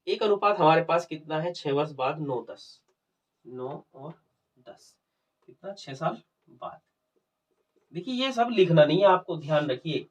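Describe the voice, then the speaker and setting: A man's voice: on the high side, recorded from a distance. A man explaining maths problems step by step in a video lesson, conversational and often checking whether the students follow. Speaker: maths teacher.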